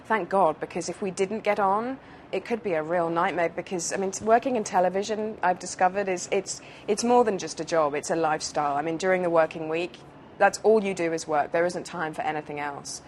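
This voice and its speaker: British actress chatting, low voice. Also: female voice, a little fast, hardly any pauses, a little mellow, a little hiss or hum. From United Kingdom. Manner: chatty, rambling with many fillers and restarts. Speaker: actress being interviewed. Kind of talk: casual interview chat.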